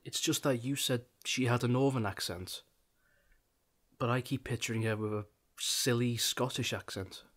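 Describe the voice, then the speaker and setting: A man's voice: mid-range voice, steady tone, moderate pace, fairly bright tone, natural voice. An actor playing a pedantic young man who keeps interrupting a story with fussy questions.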